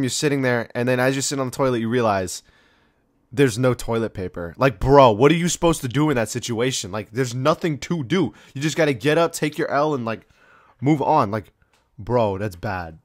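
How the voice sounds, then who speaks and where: A young man chats through a countdown of awkward moments in loose slang, full of "like" and "bro". His voice sits at a middling pitch. The room sounds dry, with the mic close up. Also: no echo. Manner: slangy, rambling, with many fillers and mock-quoted voices. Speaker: video host. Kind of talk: casual countdown commentary.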